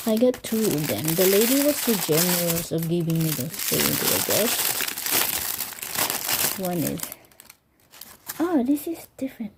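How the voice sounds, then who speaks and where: Slow, gravelly-voiced woman gushing over little things. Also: mid-range voice, very noisy. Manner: excited, gushing, often drops to whispers. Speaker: vlogger. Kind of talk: casual unboxing vlog. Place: home, bedroom at night.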